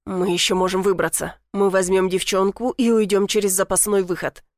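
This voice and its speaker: A woman's voice: medium pitch, fairly even intonation, brisk, no echo, studio quality, lightly acted. A woman voicing a brutal, hotheaded male gang leader who hisses and barks threats. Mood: menacing. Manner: hissing, barking threats.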